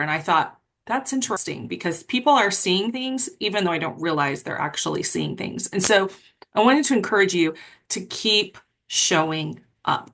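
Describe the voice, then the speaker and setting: A woman's voice: on the low side, fairly bright tone. Chatty woman giving a pep talk. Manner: chatty, rambling and self-deprecating. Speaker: team leader on a wellness sales call. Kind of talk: casual motivational pep talk. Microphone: video call.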